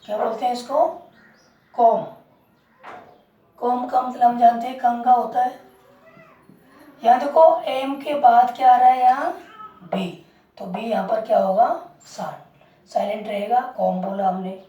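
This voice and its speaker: A woman's voice: fairly high pitch, steady tone, normal speed, highs cut off. A woman teaching English word pronunciation as a lesson, repeating words and asking the class questions. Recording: roomy, distant mic.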